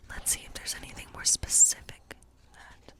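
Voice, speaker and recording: At a normal speed, a woman whispers in a soft, breathy voice, playing a friendly witch in an ASMR scene. She reads tarot informally, rambling a bit while offering encouragement.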